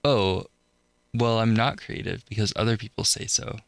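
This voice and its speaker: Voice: medium pitch, moderate pace, no echo. A young adult co-hosting a college radio podcast in casual chat, laid-back with dry quips. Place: radio studio.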